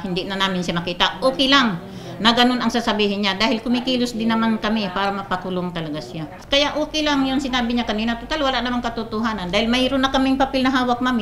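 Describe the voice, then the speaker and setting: A woman's voice: on the high side, fast talker, echoey room, crowd noise. An older woman, a grandmother bringing a complaint, tells what happened by acting out quoted lines and often adds "ma'am". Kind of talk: emotional testimony.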